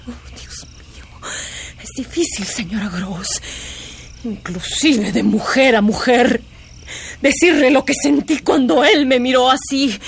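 An actress in a radio drama playing a young governess, overwrought and urgent, often dropping into whispers. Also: female voice, a little high, a little hiss or hum. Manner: urgent and breathy, slipping into whispers. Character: young female governess, haunted, intense, overwrought.

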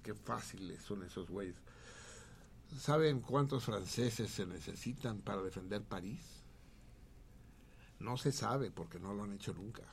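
A man hosting a radio show, joking and swearing in casual, animated talk. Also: fairly low pitch, a little slow, creaky, pauses often, a little hiss or hum. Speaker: radio host. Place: radio studio.

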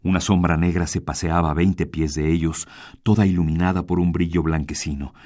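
A man's voice: low voice, fairly even intonation, brisk, a little mellow. A man with a Mexican Spanish accent narrating a dramatic story in a varied, theatrical reading.

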